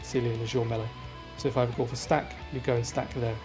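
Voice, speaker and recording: A man in a group voice chat lays out raid positions in a methodical, patient way, one step at a time. His voice sits at an ordinary middle pitch, with soft game music playing faintly underneath. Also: level tone, fast talker. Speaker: raid leader.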